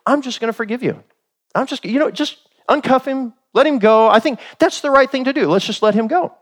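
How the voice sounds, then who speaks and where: A man's voice: very high-pitched, a little fast, pitched above the performer's own voice. A man doing a breezy, smug judge. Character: smug lenient male judge, self-satisfied.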